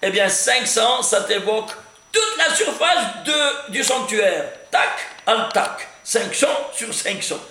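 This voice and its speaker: A man teaching a lively Torah lesson as a rabbi, questioning his listener and counting aloud. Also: sits high, takes it slowly, few pauses, roomy sound, a little hiss or hum.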